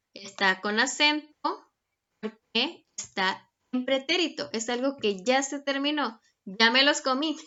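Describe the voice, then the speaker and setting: A woman's voice: on the high side, sharp tone. A young woman teaching a grammar lesson, patient and checking in often with her students. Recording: dull lo-fi recording.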